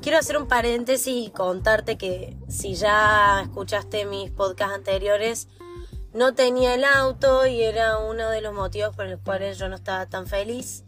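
A woman's voice: medium pitch, normal speed, fairly bright tone, faint music behind. A woman in her twenties with a Rioplatense Spanish accent, hosting her own podcast and talking in a chatty, confiding way straight to the listener. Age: 20s. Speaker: podcast host. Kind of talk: personal podcast monologue.

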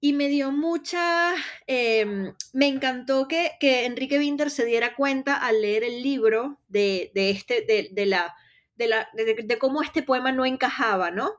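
A woman's voice: high-pitched, measured pace. A young woman from Venezuela, a poet as guest in an interview, speaking reflectively with hesitant restarts. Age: young adult. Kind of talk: casual interview talk.

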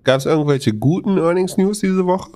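A man's voice: high voice, moderate pace, dark tone. A man co-hosting a podcast in a casual, chatty style. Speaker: podcast co-host. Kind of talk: casual chat.

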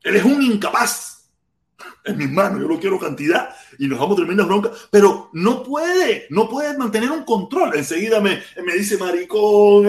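A man's voice: sits high, roomy sound. A man from Cuba with a Cuban accent, hosting a heated political livestream, reading the chat and repeating words in bursts. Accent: Cuban Spanish. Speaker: livestream host.

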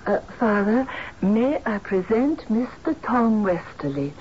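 An actress playing an anxious, evasive daughter in a drama, speaking with guarded urgency. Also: female voice, fairly high pitch, sing-song, unhurried, darkish tone, lo-fi sound, slight background noise. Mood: guarded, careful. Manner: urgent, pleading. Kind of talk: screen drama acting.

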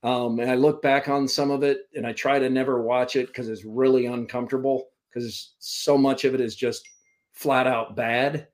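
Speaking over a computer call, a sports broadcaster from Vermont in his fifties guests on a podcast, telling stories at normal speed. His mid-range voice barely moves in pitch as he rambles and pokes fun at himself in this casual interview.

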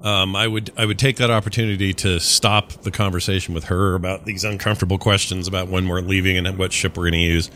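A man's voice: deep voice, steady tone, fast, hardly any pauses, a bit bright, slight background noise. A man chatting casually as a player in a tabletop game, describing his character's actions.

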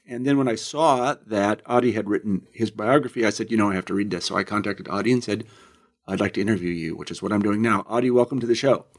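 A man hosting an interview podcast in a relaxed, conversational way, with a few fillers. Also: on the low side, fast. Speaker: podcast host.

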